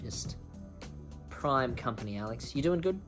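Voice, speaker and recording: A woman's voice: very deep voice, lively intonation, unhurried, music in the background. A woman chatting casually and teasing a friend in a dry, slangy, joking way.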